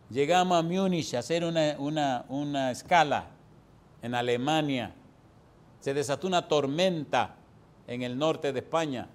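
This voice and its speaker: A man preaching a sermon with fervent rhetorical questions, telling stories and acting out the dialogue. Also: mid-range voice. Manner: storytelling with acted-out dialogue.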